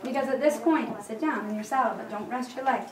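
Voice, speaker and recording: High-voiced woman calling brisk riding commands, echoey hall. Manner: firm, instructive, checks understanding with questions. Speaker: horse riding instructor. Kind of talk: live riding lesson coaching. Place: large echoey riding arena. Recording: echoey hall, distant mic, background noise.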